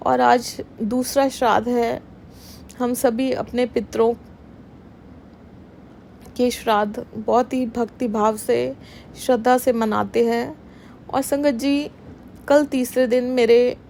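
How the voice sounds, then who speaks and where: Woman, middle-aged, devotional testimony, slow and emotional, slightly high voice, faint background hiss. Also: gravelly, darkish tone. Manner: emotional, earnest, addresses listeners as sangat ji. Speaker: devotional satsang speaker.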